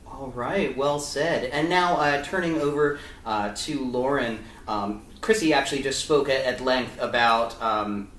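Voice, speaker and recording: A man's voice: mid-range voice, a little slow, hardly any pauses, fairly bright tone, slight background noise. A man hosting a fundraising interview, talking in a casual, hesitant way with many fillers and restarts. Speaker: host of a fundraising video interview. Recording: echoey room, a bit far from the mic.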